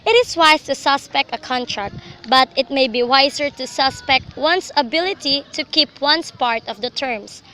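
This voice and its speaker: A young adult woman with a high, bright, forward-edged voice narrates a radio drama as a storyteller at a moderate pace. A little hiss or hum sits under the recording.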